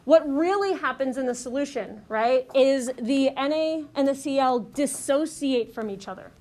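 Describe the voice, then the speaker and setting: A woman's voice: sits high, lively intonation, moderate pace, a little mellow. A woman teaching a chemistry class, explaining step by step and checking in with "okay?" and "right?" after nearly every point. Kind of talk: classroom lecture.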